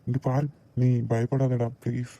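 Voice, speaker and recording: A man's voice: mid-range voice, level tone, moderate pace, close to an everyday voice. A man voicing a protective young boss in a cartoon drama, firm with his men and soothing with his wife. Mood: comforting. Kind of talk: amateur cartoon voice acting.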